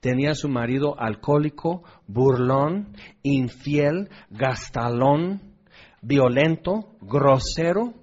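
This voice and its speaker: A man's voice: mid-range voice, slow pace, darkish tone. A man teaching a Bible study in a conversational way, often asking rhetorical questions and checking in with his listeners. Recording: dull lo-fi recording.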